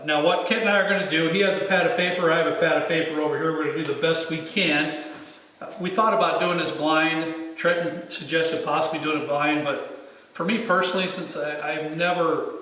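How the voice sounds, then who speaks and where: A man with a slightly high voice hosts a casual livestream, rambling and doubling back on his phrases. He sounds distant from the mic in a big echoing space. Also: bright, forceful tone. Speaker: show host. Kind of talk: casual chat hosting a livestream tasting. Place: unfinished basement with bare floor. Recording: big hall echo, distant mic, faint noise.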